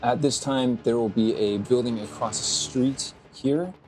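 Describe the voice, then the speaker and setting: A man narrating as game master, halting with many fillers. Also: medium pitch, a little mellow, faint music behind.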